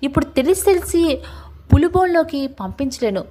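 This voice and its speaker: A woman's voice: high-pitched, lively intonation, normal speed, dark tone. A woman voicing a bossy protective young man. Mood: insistent. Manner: scolding, insistent.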